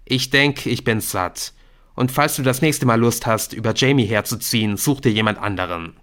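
A man voicing a weary, irritable teenage schoolboy in an audiobook, a little louder than his narration. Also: mid-range voice, normal speed, lightly acted. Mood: curt. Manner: curt, flustered.

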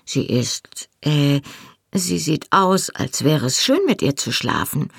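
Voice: mid-range voice, lively intonation, takes it slowly, vocal fry, breathy edge, no echo, clean studio sound, exaggerated voice. An audiobook reader voicing a small, curious young boy who asks questions hesitantly.

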